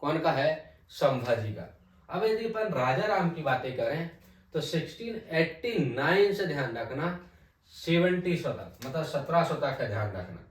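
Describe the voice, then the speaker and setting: Guy teaching history for exams, keeps repeating stuff and trailing off low, roomy echo, sounds a bit far from the mic. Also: sing-song. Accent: Hindi. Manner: repeats key names, tag "ध्यान रखना" often drops low and soft; asks the class quick check questions. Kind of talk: exam-prep history lesson. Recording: echoey room, mic at a distance.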